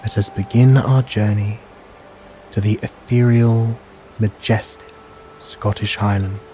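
Calm guy doing a bedtime sleep story, really soft mellow tone, slow and measured, bit of ambience behind. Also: lowish voice, a little hiss or hum, low-quality recording. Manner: calm, measured, hushed guiding delivery.

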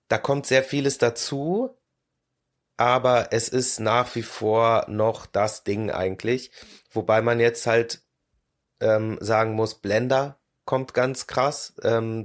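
A man talking as a podcast guest in a relaxed, thoughtful way, pausing often with filler sounds. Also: mid-range voice. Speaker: guest, 3D illustrator. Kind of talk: casual podcast conversation.

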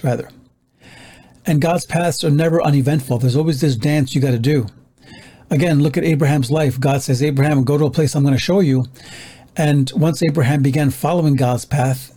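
A man preaching a sermon, teaching in a measured, earnest way and quoting scripture as he goes. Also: on the high side, mellow, slightly rough.

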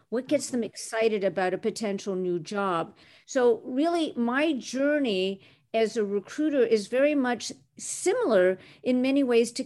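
Speaking a little high with a darkish tone, a recruiter from Canada in her sixties tells the story of her career. She gives her interview answers in an articulate, confident way.

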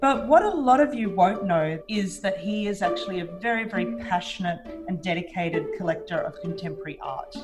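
A woman's voice: lowish voice, fairly quick, hardly any pauses. A woman hosting an interview with enthusiastic, upbeat introductions. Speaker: podcast host. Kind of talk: hosted interview. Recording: music bed under the voice.

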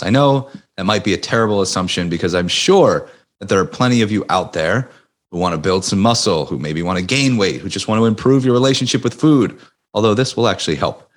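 A man hosting a podcast in an energetic, motivational way, still recovering from losing his voice. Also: on the low side. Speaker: podcast host. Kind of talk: casual podcast monologue.

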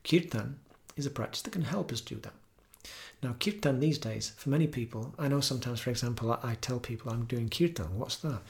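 A man teaching about kirtan, telling stories in an earnest, gentle way with frequent pauses and restarts. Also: medium pitch. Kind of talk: reflective storytelling talk.

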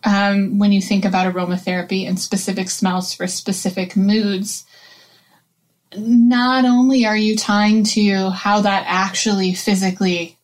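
A woman's voice: medium pitch, little pitch movement, a little slow. A woman with an ordinary mid-range voice chats casually about wellness. She talks in loose, meandering sentences and often restarts her phrasing.

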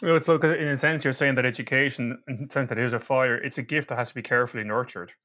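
A man's voice: mid-range voice, fairly even intonation, fast, sharp tone. Irish man hosting a podcast. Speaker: podcast host.

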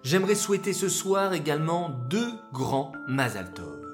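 A man's voice: on the high side, big pitch swings, moderate pace, over music. A man reading dedications and birthday wishes at the end of a children's story.

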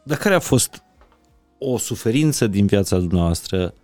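A man hosting an interview, asking calm, probing questions. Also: lowish voice, dry recording, soft background music. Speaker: podcast host. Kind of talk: conversational interview.

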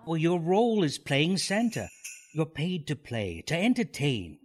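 A self-important male clinic doctor in a comic radio drama. His delivery is very animated and smoothly evasive, with hesitant, clinical phrasing. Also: fairly high pitch, measured pace. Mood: patronizing, analytical.

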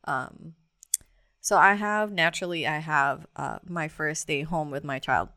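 Young woman host, low voice, unhurried, candid and chatty, dry close mic. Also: sharp tone, dry recording. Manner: chatty and candid, with frequent fillers and laughs. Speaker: podcast host. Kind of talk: casual solo podcast talk.

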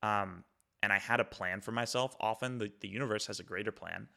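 Gravelly young man with a bright edge. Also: lowish voice, a little fast. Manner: loose, reflective, many fillers and restarts. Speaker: podcast host. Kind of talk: casual motivational monologue.

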